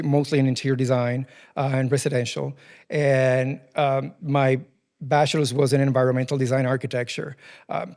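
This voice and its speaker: A Puerto Rican man in his forties, Spanish being his first language, speaks with a medium-pitched, slightly mellow voice and a Puerto Rican Spanish accent. He is the guest, a furniture dealership president, answering interview questions thoughtfully and saying "um" a lot.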